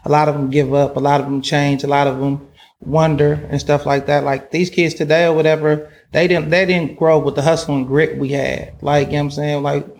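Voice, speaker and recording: A man's voice: a little high, level tone, a little fast, darkish tone, slight background noise. A man in his thirties from Oakland, a podcast guest, talking in a casual, streetwise way with many fillers. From Oakland, California. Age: 30s. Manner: streetwise, lots of "like" and "you know what I'm saying".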